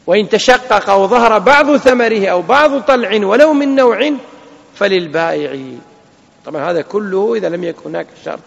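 Man teaching high-voiced lesson, gravelly. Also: long reverb tail, dull audio. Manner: explains slowly and checks understanding with questions to students. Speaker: Islamic jurisprudence teacher. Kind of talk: classroom lesson reading and explaining a legal text.

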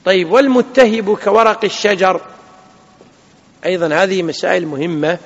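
A man teaches a class, reading a legal text and pausing to explain and quiz his students. His voice sits high with a gravelly edge. The recording is dull and carries a long hall reverb. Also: fairly even intonation. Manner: explains slowly and checks understanding with questions to students. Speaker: Islamic jurisprudence teacher.

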